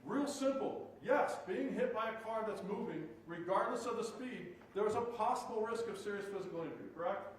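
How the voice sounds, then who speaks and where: Barely pausing, a high-voiced male defense attorney fires leading questions at a witness a little fast, each ending in "correct?". This courtroom cross-examination was recorded from a distance, echoey and slightly noisy.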